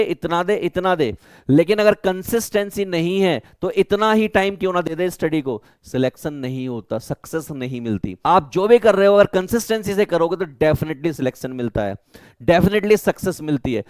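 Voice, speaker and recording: A young Indian man with a high, clean voice is recorded in studio quality with no room sound. As an online teacher for class 11 students, he gives motivational study advice like a big brother, posing questions and answering them himself.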